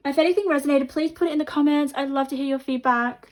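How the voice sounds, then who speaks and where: A woman talks fast in a high, steady voice as she gives viewers a chatty, intuitive tarot reading. She is a tarot card reader and host, and her mouth is half numb from a dentist visit.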